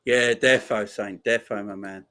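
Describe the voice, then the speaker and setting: A forty-year-old man hosting a football watchalong stream, chatting easily with his viewers. His talk is relaxed and slangy, and he laughs often between his lines. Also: lowish voice, unhurried, a little hiss or hum. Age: 40s. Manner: laid-back banter, laughs often, slangy. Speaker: livestream host. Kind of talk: casual chat reading viewer comments.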